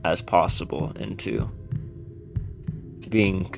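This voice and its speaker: A man with a fairly low voice gives casual commentary on a strategy game, planning out loud. He reads the on-screen text as he goes, with faint music playing behind him. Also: steady tone, slow, vocal fry. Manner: thinking aloud, loosely planning moves. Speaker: let's play streamer.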